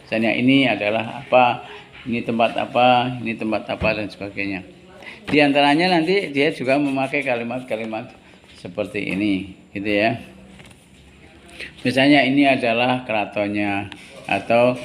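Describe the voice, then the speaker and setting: A man teaches English to a class. He speaks at an ordinary middle pitch, explains slowly and repeats key words. He keeps turning to his students with questions. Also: a little hiss or hum. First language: Indonesian.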